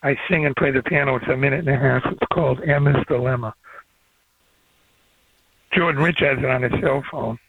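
Older guy on an old flip phone call, gravelly husky voice, kinda rambly. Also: medium pitch, a little fast, long pauses, no room sound. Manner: rambling, hops between topics. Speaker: caller. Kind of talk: casual call-in chat. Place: outdoors. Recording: dry, tinny phone line.

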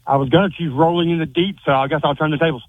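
Quick-talking man with a lip full of dip. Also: on the high side, fairly even intonation, no room sound. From southern United States. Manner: muffled talk with dip tobacco packed in his lip. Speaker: radio call-in contest player. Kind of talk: casual chat. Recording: muffled narrow phone line.

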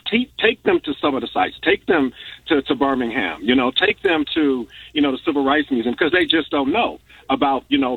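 A man's voice: fairly high pitch, creaky, slightly rough, no room sound. A man who teaches political science, talking earnestly and often repeating words as he thinks. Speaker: guest, university professor. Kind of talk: conversational discussion. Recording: tinny phone-like line from far off.

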